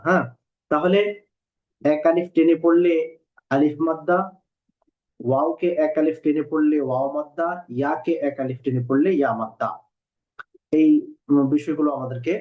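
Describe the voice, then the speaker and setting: A man teaching Quran reading in a recorded lesson, patiently repeating rules and spelling letters out slowly. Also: fairly high pitch. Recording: dull lo-fi recording.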